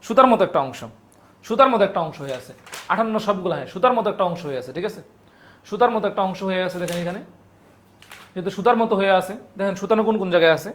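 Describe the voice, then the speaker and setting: A man's voice: high-pitched, racing, fairly bright tone, a little hiss or hum. A young man from Bangladesh teaching a live online biology class, going through exam questions, repeating each point several times and calling out viewers' names from the comments.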